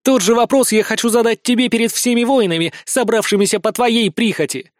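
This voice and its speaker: A man's voice: very high-pitched, fairly quick, no room sound, clean studio sound, voice pushed up. A man voicing a bold, defiant young tiger-woman warrior who speaks in a ringing, sarcastic tone.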